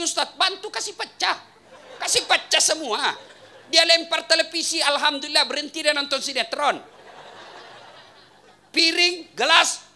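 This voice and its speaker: A man's voice: very high voice, pushed and bright. A man preaching a humorous sermon at a religious gathering in a home, teasing the crowd and firing questions at them. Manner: teasing, quizzes the audience.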